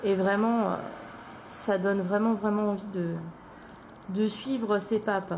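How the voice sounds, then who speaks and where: A woman's voice: medium pitch, steady tone, takes it slowly, a little mellow, a little hiss or hum, rough recording. A woman hosting a casual haul video at home, talking hesitantly with many fillers. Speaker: craft channel host.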